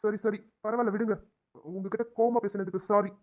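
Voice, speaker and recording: A man gives voice to young cartoon doctors who trade chummy, brisk banter. The voice sits high for a man and moves fast. It comes through a dull, lo-fi recording. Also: level tone, lightly acted. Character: young male doctors, the hero and his friend. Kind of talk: cartoon drama dialogue.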